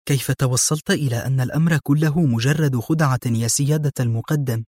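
A shy young female agent asks earnest questions, as a man reads her lines. The voice is husky with a close, dry sound. It comes from an audiobook thriller. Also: mid-range voice, a little fast, a little mellow, dry recording, close to an everyday voice. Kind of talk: audiobook narration.

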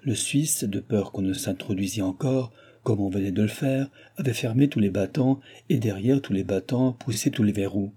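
Male narrator, very dark husky tone, measured classic audiobook read. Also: lowish voice.

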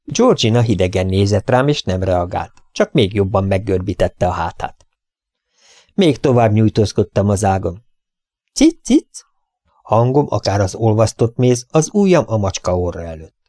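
A man narrating a first-person audiobook story in a calm, even storytelling manner. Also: fairly low pitch, no room sound, studio quality. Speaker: audiobook reader.

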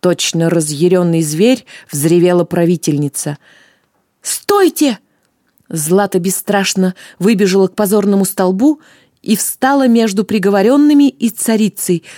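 A woman narrates a dramatic tale in an expressive, measured way. Her voice is mellow and warm, with a mid-range pitch. The recording is close and dry. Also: dry recording.

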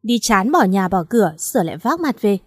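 A woman's voice: medium pitch, big pitch swings, normal speed, slightly rough, dry recording, clean studio sound. A woman voicing a spiteful middle-aged aunt who speaks in a sneering, accusing way, in a spoken story.

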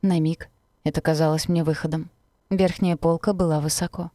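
Low-voiced woman narrating a novel. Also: steady tone, normal speed, warm tone, no echo, clean studio sound. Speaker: audiobook narrator. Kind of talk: first-person novel narration.

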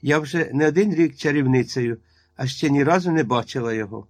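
A man's voice: mid-range voice, brisk, no echo, close to an everyday voice. A man reading a story aloud and voicing a defiant young village witch woman who answers curtly. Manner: curt and retorting.

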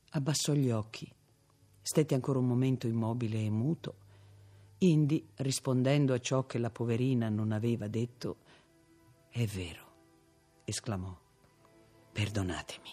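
A man giving a measured, dramatic reading of a classic novel as an audiobook. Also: mid-range voice, warm tone, soft background music. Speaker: audiobook reader. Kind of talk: literary narration.

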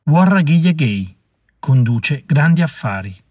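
A man's voice: mid-range voice, little pitch movement, fairly quick, fairly bright tone, dry recording, clean studio sound, natural voice. A man reading an audiobook voices a proud male Mohawk warrior who argues scornfully and insistently.

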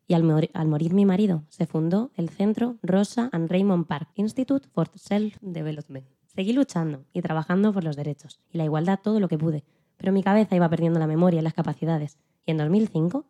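A woman plays Rosa Parks, a dignified elderly activist recalling the bus boycott, as a guest in a scripted, dramatized podcast interview. Her natural voice is very soft-edged, dark and slightly low, moving quickly. She remains calm, reflective, earnest and plain-spoken, with quiet dignity.

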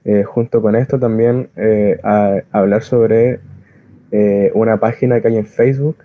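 A Chilean man who volunteers at a community soup kitchen gives an informal spoken explanation of activism. His voice is low and monotone, and he comes across as earnest, halting as he searches for words. The recording is close, dull, and lo-fi.

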